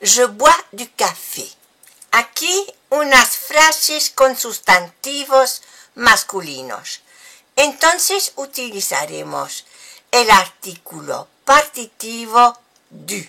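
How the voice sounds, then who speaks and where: An older woman teaching with patient explanations, repeating example phrases slowly. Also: fairly high pitch, sing-song, vocal fry, bright, forceful tone. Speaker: language teacher.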